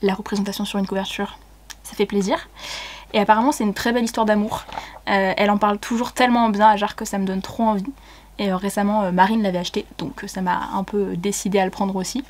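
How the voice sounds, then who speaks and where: A young woman chatting casually as she unboxes books, excitable and giggly, with many fillers. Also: mid-range voice, quick pace. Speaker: book vlogger.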